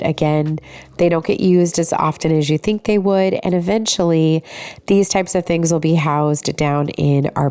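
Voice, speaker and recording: A woman's voice: deep voice, mellow, no echo. A woman in her thirties, nasal while recovering from a sinus infection, narrating her home organizing in a chatty, friendly way. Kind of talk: casual voice-over narration.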